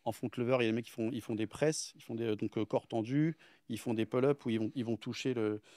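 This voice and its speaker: A man's voice: medium pitch, steady tone, brisk, warm tone, no echo. A man, the guest athlete, explaining his training in a casual chat, often hesitating and restarting his sentences.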